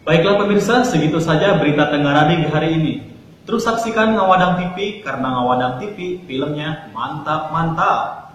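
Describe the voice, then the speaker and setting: Man as spoof TV news anchor, formal and earnest, fairly high voice, swimming in reverb. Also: lively intonation, a little fast, close to an everyday voice. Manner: formal, announcer-like. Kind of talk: mock news presenting. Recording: very echoey reverberant hall, noisy.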